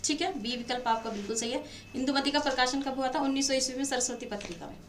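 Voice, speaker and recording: A Hindi teacher leads an exam-prep class, reading quiz questions and their options aloud, confirming the answers, and fondly calling her students "beta." She has a high voice and talks fast, in an echoey room with faint background noise.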